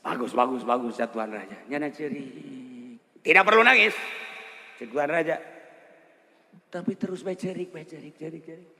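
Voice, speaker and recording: A male preacher with a Sundanese accent telling a story in a lively, joking sermon. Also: medium pitch, moderate pace. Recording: long hall reverb.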